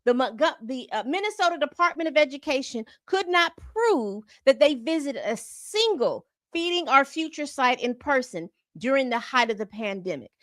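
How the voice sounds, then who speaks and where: A woman's voice: high-pitched, big pitch swings, moderate pace, hardly any pauses, dry recording. A woman hosting a commentary channel, reading from a report and breaking off into exasperated asides. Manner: reads documents aloud then comments with exasperated asides.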